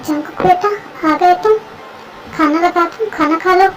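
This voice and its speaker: A high young voice plays a middle-aged mother who dotes on her son but insists on getting her way. She speaks firmly, in a voice set high for the part. Faint music plays in the background. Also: a little slow, rough recording. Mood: caring.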